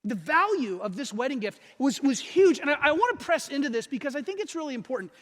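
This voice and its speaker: A man in his forties preaches a sermon to his congregation in a casual, joking way, acting out the people in his stories. His voice sits very high for a man. It rings out with a long echo through a church hall. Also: sing-song, fast talker, a bit bright. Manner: conversational, jokey, acts out voices of characters. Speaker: pastor. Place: church sanctuary.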